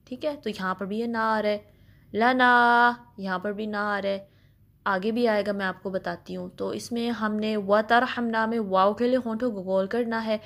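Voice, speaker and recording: A woman teaching Quran recitation, patiently explaining each letter with slow spoken examples and mixing English words into her explanations. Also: mid-range voice, a bit bright. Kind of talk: step-by-step recitation lesson.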